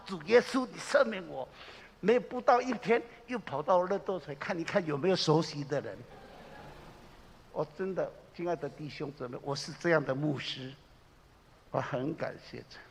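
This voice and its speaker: A man preaching a sermon as a pastor, impassioned, swinging between loud exclamations and low confiding asides. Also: creaky, a little hiss or hum. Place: church sanctuary. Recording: reverberant church hall.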